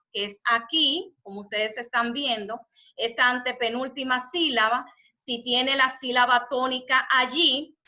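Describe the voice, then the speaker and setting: A woman's voice: a little high, pushed and bright. A woman teaching a spelling class live over a video call, encouraging and praising her students' answers. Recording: dull lo-fi video call audio.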